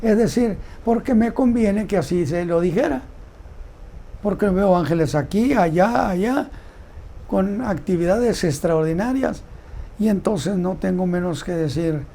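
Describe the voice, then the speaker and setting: A man giving a Bible teaching sermon, reading scripture aloud and commenting on it in a slow, deliberate way. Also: sits high, dark tone. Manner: slow, deliberate delivery with repeated words. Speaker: preacher.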